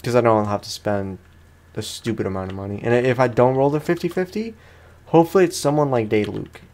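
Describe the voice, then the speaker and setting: Speaking at a quick pace, a man with a medium-pitched, darkish voice offers casual, rambling let's-play commentary laced with informal slang. He's a gaming content creator chatting to viewers from a room at home.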